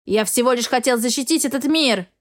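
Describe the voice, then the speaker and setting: A woman's voice: on the high side, fairly quick, natural voice. A woman voicing a secretive, blunt young man who is a cat-like shapeshifter in an audiobook. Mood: defensive. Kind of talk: audiobook character reading.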